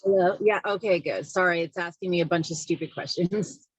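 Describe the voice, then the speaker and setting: A woman calling in by phone from a parked car, breezy and quick to laugh. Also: fairly low pitch, fairly even intonation, breathy edge, dry recording, low-quality recording. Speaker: panelist, former board member. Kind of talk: video call from a parked car.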